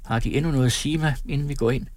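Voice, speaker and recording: A man's voice: mid-range voice, a little mellow, pitched above the performer's own voice, lightly acted. A man voicing a proud but hurt young woman in a storybook, speaking in a trembling, pleading way. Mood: coolly proud.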